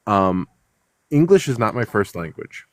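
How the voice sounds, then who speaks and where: As a guest in a casual chat, this rambling storyteller, a native Russian speaker with a Chicago accent, fills his talk with fillers and restarts. His voice sits on the low side and he speaks a little slowly, in a very animated way.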